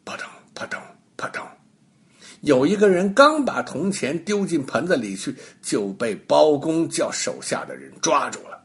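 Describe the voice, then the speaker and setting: A man's voice: on the high side, big pitch swings, moderate pace, few pauses, a bit bright. An older man telling a children's bedtime story, with playful asides to the young listeners.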